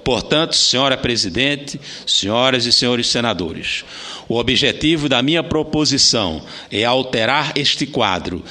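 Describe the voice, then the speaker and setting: A man with a Brazilian accent reading a formal parliamentary speech as a senator, in deliberate phrases with an occasional stumble. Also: medium pitch, lively intonation, bright, forceful tone.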